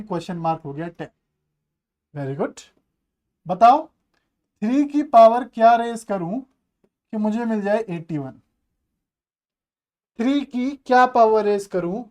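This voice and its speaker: A man's voice: sits high, expressive, takes it slowly, pauses often, a little mellow. A male maths teacher giving an online exam-prep lecture, chatty and coaxing, asking the class rhetorical questions and mixing English terms into his explanations.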